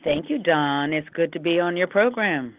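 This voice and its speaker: A woman's voice: on the low side, animated, moderate pace. An American woman with a slightly froggy voice, talking conversationally as an interview guest. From Western Pennsylvania, United States. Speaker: interview guest, leadership consultant and coach. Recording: dry, tinny phone line.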